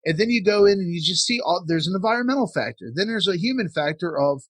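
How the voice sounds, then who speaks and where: A man with a slightly higher, husky voice tells a workplace story as a podcast co-host. He talks casually and gets animated when he acts out what people said. The sound is dry and close. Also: fast talker, no room sound. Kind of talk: casual safety podcast chat.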